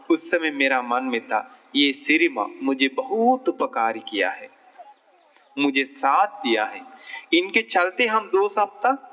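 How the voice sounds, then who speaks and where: A monk voicing a gentle forgiving devout young woman. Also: fairly high pitch, full character voice.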